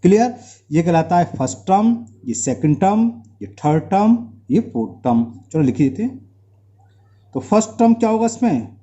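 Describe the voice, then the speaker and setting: A man with an Indian accent teaching maths in a dark, mellow but high-pitched voice that swings widely. He speaks slowly, quizzing the class and repeating each term, with slight trouble speaking from mouth sores. The recording sounds dull and lo-fi. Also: very animated. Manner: asks the class rhetorical questions, drills terms by repetition. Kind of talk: explanatory classroom lesson.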